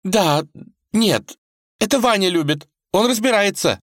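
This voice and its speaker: A man's voice: big pitch swings, moderate pace, a bit bright, no echo, clean studio sound. Man doing a tearful young tsarevna. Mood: flustered. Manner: high, sniffling, pleading.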